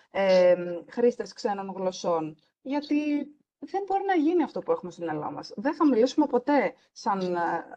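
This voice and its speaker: A woman's voice: mid-range voice, darkish tone, lo-fi sound, a little hiss or hum. A woman hosting a casual podcast conversation, talking earnestly and emphatically and slipping English words into her speech. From Greece. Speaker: French teacher and podcast host.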